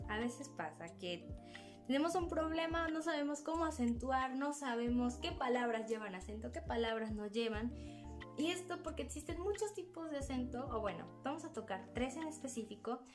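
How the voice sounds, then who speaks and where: A woman's voice: a little high, darkish tone. A young woman with a Mexican Spanish accent giving a chatty school presentation, asking rhetorical questions and using fillers as she explains. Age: young adult. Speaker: student presenter. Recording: faint background music.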